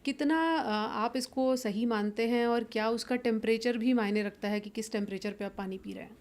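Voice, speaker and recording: Female health-show host, polite formal questions, slightly high pitch. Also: fairly quick, darkish tone. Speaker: interviewer, host. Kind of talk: interview questions.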